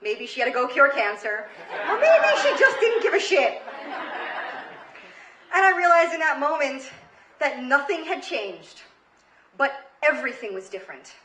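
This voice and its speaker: Very animated and high-pitched, a slightly bright-voiced American woman in her thirties tells a comedic story on stage at normal speed, pausing often. She hosts shows and tells comedy stories, hails from Queens, New York, and delivers things dramatically and emphatically. The live recording sounds roomy, with faint noise.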